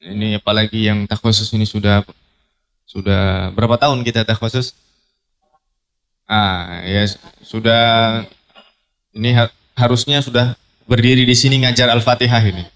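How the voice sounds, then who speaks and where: A man teaching Quran recitation to a class, talking in a relaxed, repetitive way and often clearing his throat. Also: fairly low pitch, moderate pace, long pauses. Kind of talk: live tajwid lesson to students. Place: study hall at a training event.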